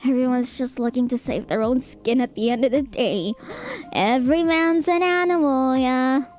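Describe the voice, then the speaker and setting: A woman voicing a blunt, teasing, weary young woman who flares up in loud outbursts. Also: high voice, moderate pace, faint music behind, lightly acted. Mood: wistful.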